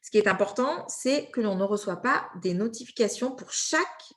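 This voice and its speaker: A woman's voice: mid-range voice, expressive, normal speed. Female trainer, French accent, informal teaching talk, chatty and full of fillers and check-ins. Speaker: social media trainer.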